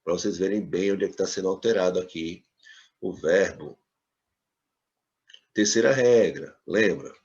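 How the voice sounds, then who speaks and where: A fairly low-voiced man gives a classroom lesson, patient and repetitive, checking in with his students as he goes. The sound is a bit dull and lo-fi. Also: a little slow, pauses often, darkish tone. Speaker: English teacher.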